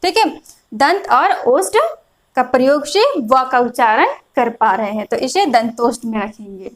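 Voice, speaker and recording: A woman teaching a grammar lesson, explaining slowly and repeating each point, often checking whether her students follow. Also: on the high side, lively intonation, low-quality recording. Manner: patient, repeats points, checks in with frequent "is that clear". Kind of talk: classroom lecture explaining a chart.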